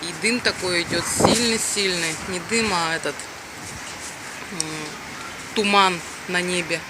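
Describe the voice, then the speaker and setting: A woman's voice: lowish voice, unhurried. A woman narrating casually and spontaneously to her camera outdoors on a windy balcony, with exclamatory remarks and wind on the mic. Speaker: amateur vlogger filming from a balcony. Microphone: handheld camera mic buffeted by wind. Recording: loud wind noise buffeting the microphone.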